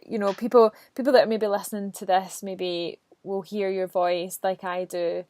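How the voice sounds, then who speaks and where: A woman hosting a podcast interview, chatty and rambling and quick to laugh. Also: mid-range voice, steady tone, dark tone, dry recording, studio quality. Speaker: podcast host. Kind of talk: casual interview chat.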